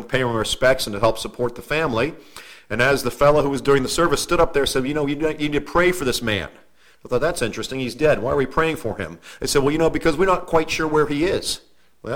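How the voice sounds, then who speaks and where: A man preaching a sermon, mixing folksy stories with slow, careful readings of scripture and correcting himself as he goes. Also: mid-range voice, a bit bright. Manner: homespun asides and self-corrections, slows for scripture reading.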